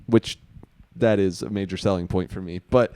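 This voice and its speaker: A man co-hosting a podcast, talking in an animated way and swearing freely. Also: deep voice, moderate pace, smooth, no room sound. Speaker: podcast co-host. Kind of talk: casual chat.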